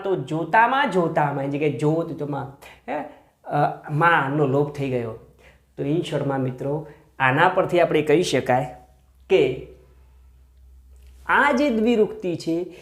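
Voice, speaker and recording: Echoey male teacher asking questions. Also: fairly high pitch. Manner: asks the class rhetorical questions; repeats example words slowly. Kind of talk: grammar lesson. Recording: echoey room.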